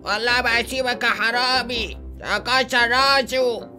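A man's voice: very high-pitched, fairly even intonation, moderate pace, bright, forceful tone, soft background music. A man with an Egyptian Arabic accent playing along in a gameplay comedy skit, bickering in a whiny way. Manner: whiny, bickering sidekick banter. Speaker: co-player in the skit.

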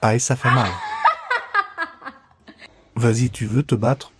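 A man's voice: medium pitch, steady tone, slow, lightly acted. Brief: man as a mischievous young pet ferret, teasing and mock-dramatic, mid-range voice, noisy home video. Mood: cheeky. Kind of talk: comic voice-over for pet videos.

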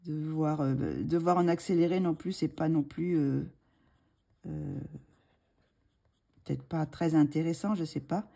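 A woman's voice: sits low, fairly even intonation, measured pace, creaky, pauses often, mellow, slightly rough. A woman hosting a coloring tutorial, talking casually and hesitantly with many fillers and restarts, murmuring asides as she works, with a slight frog in her throat. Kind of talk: casual tutorial talk while drawing.

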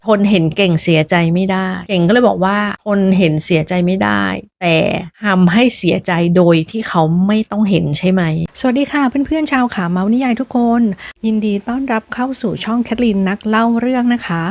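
A woman's voice: medium pitch, a little fast, few pauses, darkish tone. A woman hosting a storytelling podcast, retelling a novel in a chatty, emotional way with gossipy asides.

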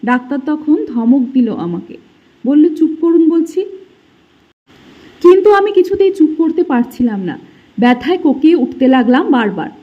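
A woman's voice: high-pitched, big pitch swings, normal speed. A woman narrating a dramatic first-person story with emotion. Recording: dull lo-fi recording.

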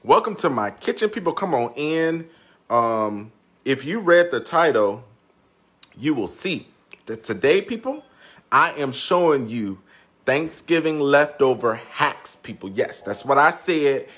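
A man's voice: medium pitch, sing-song, measured pace, a bit bright. A man hosting a casual live cooking demo in his home kitchen, chattily greeting viewers by name and punctuating his steps with "bam.". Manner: chatty, keeps calling out to viewers by name, says "bam" and "people". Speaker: home cooking show host. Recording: roomy kitchen, distant mic, faint music.

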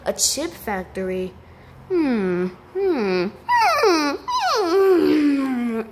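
A bratty boy koopa prince, played by a woman, whining and grumbling in a high, bouncing voice. It is recorded on a handheld phone in a home kitchen, and the pitch jumps all over. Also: very animated, heavy background noise, heavily acted. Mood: eager. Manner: whiny, grumbling, drawn-out sighs. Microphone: handheld phone camera.

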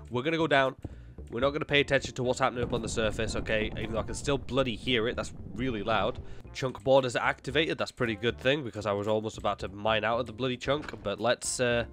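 A young man whose voice is slightly nasal from a cold casually commentates a gameplay video, chatting to himself and to the game. The gaming YouTuber sounds chatty and jumpy, with a medium-pitched, fairly bright voice.

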